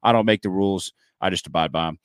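A man's voice: low voice, fast talker, smooth, no room sound, clean studio sound. Fired-up, foul-mouthed podcast host man. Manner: excitable, loud, profane, rambling. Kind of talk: casual podcast chat.

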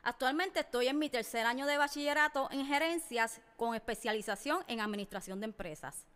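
A woman in her thirties from Puerto Rico, speaking with a Puerto Rican accent, hosts a personal podcast monologue, addressing listeners directly and emphatically. Her voice is a little high, brisk, clean, and fairly bright, and the recording carries a long, reverberant hall echo.

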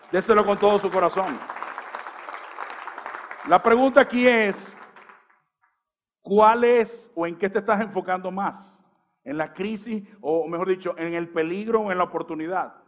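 High-voiced preaching man. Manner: lively preaching with rhetorical questions. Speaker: pastor. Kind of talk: sermon.

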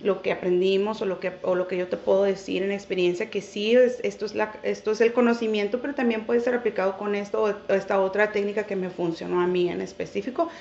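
A woman's voice: medium pitch, level tone, quick pace, few pauses, darkish tone. Woman hosting, thoughtful and affirming, echoey dull sound. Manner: thoughtful, affirming, searching for words. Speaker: host.

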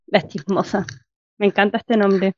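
A woman with a Chilean accent, co-hosting a casual chat, telling stories in a lively way and laughing often. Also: mid-range voice, normal speed. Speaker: podcast co-host. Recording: dull lo-fi, dry.

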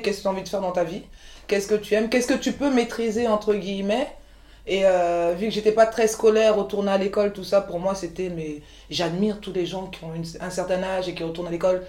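A woman's voice: mid-range voice, warm tone. Guest: forties woman from the Ivory Coast, frank and rambling, recorded in an echoey room. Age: 40s. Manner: frank, rambling, many restarts and fillers. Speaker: guest, chef and entrepreneur. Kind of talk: candid conversational interview.

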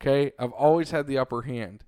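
A middle-aged man co-hosting a casual podcast, telling stories in an animated way and calling his friend "bro" and "dude" a lot. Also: medium pitch, a little fast, clear, resonant tone, dry recording, clean studio sound. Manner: animated storytelling, says "bro" and "dude" often. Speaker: podcast co-host. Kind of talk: casual chat.

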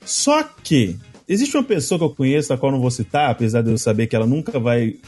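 A man's voice: medium pitch, animated, fast talker, a little mellow, breathy edge, soft background music. A Brazilian Portuguese-speaking man co-hosting a podcast in casual chat, rambling with lots of fillers. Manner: rambling storyteller, frequent fillers. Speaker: podcast co-host.

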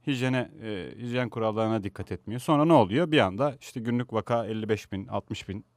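A man's voice: on the low side, a little fast, no echo, studio quality. A man co-hosting a radio show in casual chat, laughing often and mimicking people mockingly. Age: older than his co-host. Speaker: radio co-host.

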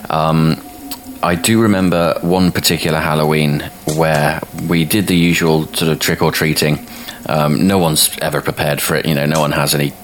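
A British man whose voice sits very low and deep. He recites rhyming verse with a steady beat and slips into loose, filler-heavy chat. A faint hiss runs under the recording. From United Kingdom. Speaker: podcast host. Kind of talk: reading rhyming verse aloud, then casual chat.

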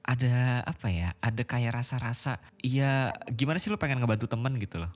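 A man talks in a casual, reflective way. He slips English phrases into his speech. His voice sits at a mid pitch. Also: fairly quick. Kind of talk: casual chat.

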